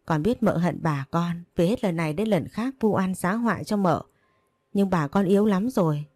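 A woman's voice: on the low side, expressive, moderate pace, darkish tone, dry recording. A woman voicing a brash young female servant in a read-aloud story, whiny and insolent. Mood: pleading.

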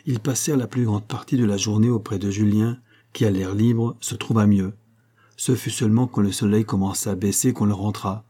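A man narrating a novel chapter in measured, scripted storytelling. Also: lowish voice, steady tone, warm tone, husky. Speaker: audiobook narrator.

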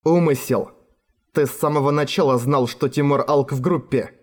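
A man's voice: fairly high pitch, normal speed, close to an everyday voice. A man playing a furious stern grandmother. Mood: accusing. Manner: pressing, accusatory. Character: stern, furious older woman interrogator, a grandmother.

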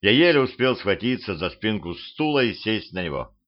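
A man's voice: lowish voice, sing-song, normal speed. A man narrating a humorous audiobook in a wry storytelling manner. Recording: dull lo-fi home recording.

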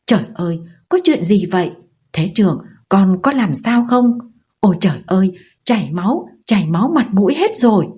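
A woman voicing a stern, sharp-tongued mother-in-law who scolds in a quick, shrill way. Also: very animated, slightly rough. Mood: alarmed.

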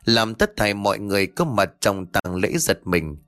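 A man narrating a ghost story in a steady, measured storytelling voice. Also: on the low side, faint music behind.

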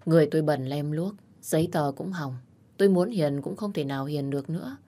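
A woman narrating a first-person audio story in a soft, melancholy way. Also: low voice, a little fast.

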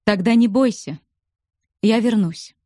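A woman reading the part of a reserved, stern male explorer in a low, restrained voice for an audiobook. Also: measured pace, warm tone, dry recording, studio quality, close to an everyday voice. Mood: grave, restrained.

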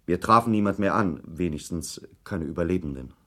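Playing a British ship's officer under questioning at an inquiry, this actor in a German radio documentary drama sounds defensive and insistent. His low male voice is animated, fairly quick and a bit bright, and his answers come firm, formal and clipped, with some hesitation.

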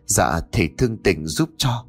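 A man plays a worried middle-aged landlord in a spoken ghost story. He sounds humble and pleading toward the monk, in a low voice. Faint music runs behind him. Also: expressive, normal speed. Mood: anxious. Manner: pleading, deferential.

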